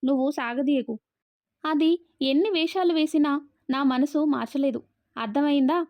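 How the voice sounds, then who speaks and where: A woman reads as a hot-tempered young husband, curt and short with people, his voice only a little lower than hers and still fairly high. The audio is dry and dull. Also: normal speed, no room sound. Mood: irritated. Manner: curt, irritated.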